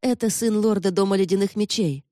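A woman's voice: mid-range voice, fairly quick, warm tone, no room sound, studio quality, voice pushed up, lightly acted. Woman reading a stern young noblewoman. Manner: firm, demanding.

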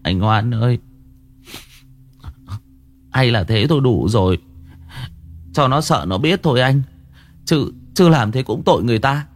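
A man voicing a timid, soft-hearted young village man who stammers and pleads. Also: mid-range voice, moderate pace, pauses often, lightly acted. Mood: pleading.

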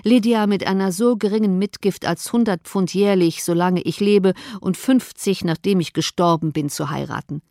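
A wry, measured older father of a classic storybook household, read by a woman. He speaks with dry irony. The recording is dry and close, with no room sound. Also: mid-range voice, dark tone, dry recording, lightly acted. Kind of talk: audiobook character reading.

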